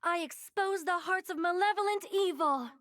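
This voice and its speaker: High-pitched, overacted anime justice hero. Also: female voice, moderate pace, dry recording, clean studio sound. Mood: grandiose, heroic. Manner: theatrical, declamatory. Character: game character grandly reciting a masked hero's catchphrase. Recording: game voice clip over loud music.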